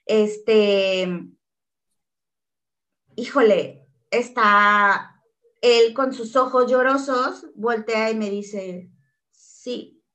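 Mexican woman telling her story in an interview, earnest, acts out the dialogue, voice a bit high. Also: fairly even intonation, very slow, pauses often, fairly bright tone. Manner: earnest, emotional retelling that acts out quoted dialogue. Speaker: interview guest.

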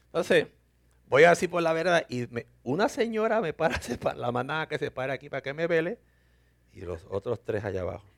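A man's voice: fairly high pitch, lively intonation, a little fast, creaky, dry recording. A male pastor preaching a sermon, telling a personal story with laughter and acted-out dialogue, then building to emphatic preaching.

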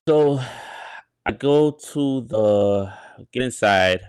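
A man's voice: medium pitch, very slow, a little mellow, clean tone, no room sound. A young man telling a story in a laid-back, colloquial way on a podcast. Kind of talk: casual storytelling.

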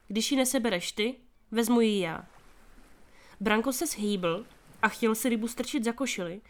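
A woman reading a children's story aloud as narrator, giving the characters' shouts strong emphasis. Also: mid-range voice. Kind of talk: audiobook reading of a children's novel.

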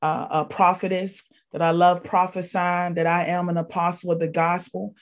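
This Pittsburgh, Pennsylvania woman speaks with a lowish, flat voice at a moderate pace. As a podcast guest, she rambles through casual testimony, repeating phrases and using many fillers.

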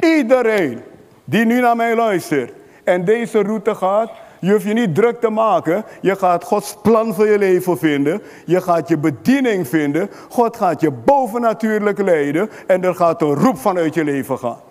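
A man preaches with rising fervor, calling out to the congregation for amens. His voice sits very high. The sound carries a long reverb, as in a large hall. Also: animated, moderate pace. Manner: fervent, rises to shouting at climaxes. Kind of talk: sermon.

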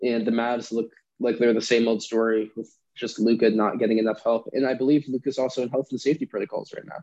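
A man's voice: medium pitch, little pitch movement, fast, darkish tone. A young American man co-hosting a casual sports chat, giving his picks, on dull lo-fi audio. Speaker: sports talk co-host.

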